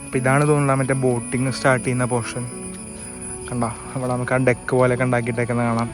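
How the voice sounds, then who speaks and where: Guy vlogging a walk outside, talks quick, pretty flat tone, loud music under him. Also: medium pitch. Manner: chatty, explains sights as he walks. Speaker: travel vlogger. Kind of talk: casual walking-tour vlog. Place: outdoors at a nature sanctuary. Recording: voice over loud background music.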